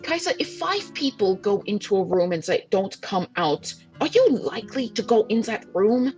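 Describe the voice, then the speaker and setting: A woman talking as a player in a tabletop roleplaying game, in animated discussion. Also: medium pitch, normal speed. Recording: music behind the voice. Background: music.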